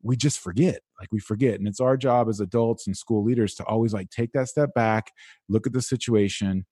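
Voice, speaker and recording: A man speaking as a podcast guest about teenagers, in a casual, animated way. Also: lowish voice, a little fast, slightly rough, no echo, clean studio sound. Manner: casual and animated, many "like" fillers. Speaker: guest, school resilience speaker. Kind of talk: conversational interview.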